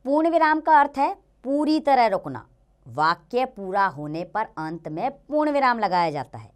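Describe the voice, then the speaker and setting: A woman narrates a children's grammar lesson. Her voice rises and falls a lot as she talks. She speaks slowly, in a sing-song teaching way. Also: fairly high pitch, sing-song.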